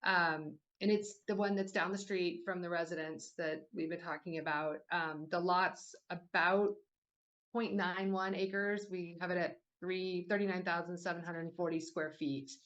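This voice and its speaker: A woman's voice: on the low side, fairly even intonation, measured pace, a bit bright. A woman giving a formal hearing presentation, careful and hesitant, reading figures with many fillers.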